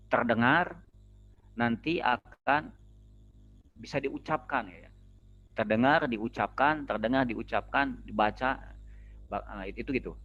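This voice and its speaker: A man's voice: medium pitch, dull audio. A man with a Sundanese accent giving an informal lecture, explaining step by step and repeating key terms. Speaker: Islamic studies lecturer.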